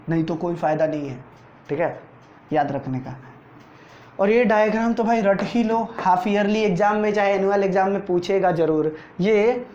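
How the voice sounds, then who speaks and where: A male teacher giving a board lecture to school students, asking rhetorical questions, answering them himself and repeating key terms. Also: high-pitched. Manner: repeats key terms, often tags "theek hai". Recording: dull lo-fi recording with faint noise.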